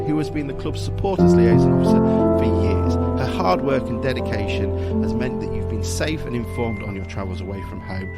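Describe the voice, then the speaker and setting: A man from England hosting a football podcast, chatting casually, laughing often and swearing now and then. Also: lowish voice. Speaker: podcast host. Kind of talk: casual podcast chat with a read presentation segment.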